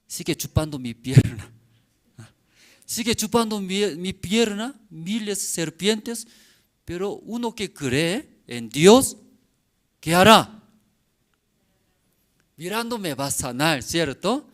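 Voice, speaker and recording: A man's voice: sits high, sing-song, slow, pauses often. A man who is a pastor, preaching a sermon in short, broken phrases, repeating questions back to the congregation. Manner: simple, broken phrasing peppered with rhetorical questions and "mm?".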